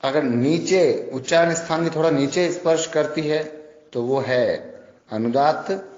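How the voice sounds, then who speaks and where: A man teaching Sanskrit grammar in a classroom lecture, explaining terms one by one with pauses. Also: a little high, a little mellow. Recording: roomy, echoey, slightly dull recording.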